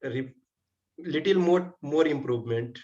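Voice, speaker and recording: A man's voice: fairly high pitch, measured pace, a little mellow. A man with an Indian accent questioning as a formal interview panelist in a blunt, challenging way. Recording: dull lo-fi audio.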